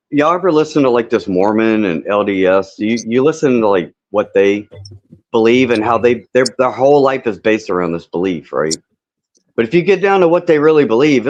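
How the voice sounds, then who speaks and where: A man in his fifties hosting a casual open-panel chat, blunt, profane and rambling. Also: on the low side. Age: 50s. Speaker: host of an open panel stream. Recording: muffled lo-fi audio.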